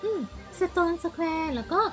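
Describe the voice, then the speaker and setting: High excitable woman streamer. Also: very slow, music in the background. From Thailand. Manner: excitable, giggly, chatty asides. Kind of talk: live game stream, translating lines aloud.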